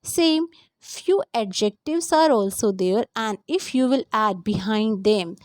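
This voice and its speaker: An English teacher, a woman with an animated mid-range voice, explains a grammar lesson step by step, repeating her points. She lists examples slowly one at a time, and the recording is dry with clean studio sound.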